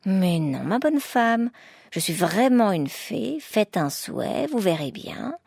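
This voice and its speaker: Woman as a gentle, gracious fairy. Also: mid-range voice, big pitch swings, gravelly, husky, no room sound, studio quality, exaggerated voice. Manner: slow, gentle and patient.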